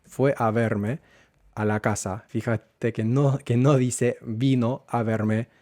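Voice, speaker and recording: A man teaching a Spanish lesson, going slowly and repeating words so learners can follow. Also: mid-range voice, fairly even intonation, dark tone, no echo, studio quality. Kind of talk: language lesson.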